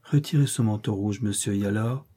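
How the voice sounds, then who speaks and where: A man's voice: fairly low pitch, a little fast, mellow, breathy edge. A man reading the part of an earnest, guarded young governess in an audiobook, raising his voice a little for her.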